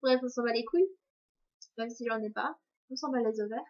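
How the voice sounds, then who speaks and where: A woman's voice: on the high side, a little fast, darkish tone. Rambling young woman on lo-fi webcam. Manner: rambling and self-mocking, trips over words. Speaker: vlogger answering viewer questions. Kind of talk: casual chat to camera.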